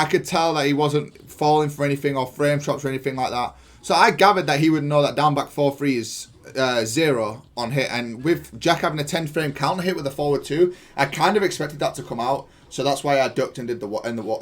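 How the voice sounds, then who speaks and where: Brisk and barely pausing, a man with a mid-range voice picks apart his own match as a gaming content creator, keeping the analysis casual, plain-spoken and hard on himself.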